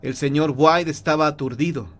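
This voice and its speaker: A man's voice: fairly high pitch, normal speed, a bit bright. Grave male horror story narrator.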